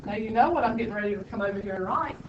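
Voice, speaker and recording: A woman's voice: mid-range voice, rapid-fire, noisy background. A woman math teacher, lecturing a classroom with playful, sarcastic teasing of her students. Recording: echoey classroom, distant lo-fi mic.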